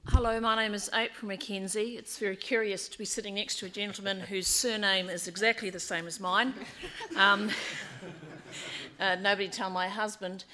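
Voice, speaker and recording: Woman, New Zealand accent, crisp bright tone, round-table introduction with a touch of humor. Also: mid-range voice, fairly even intonation, moderate pace. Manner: light, self-deprecating humor. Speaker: meeting participant.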